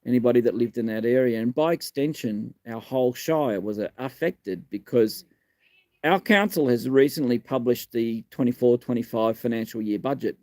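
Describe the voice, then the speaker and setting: A man's voice: mid-range voice, mellow, dry recording. An Australian man in his fifties with a missing front tooth, speaking live in blunt, emphatic, sweary short phrases. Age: 50s. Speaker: live-stream host and community advocate. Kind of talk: live political talk, answering viewer questions.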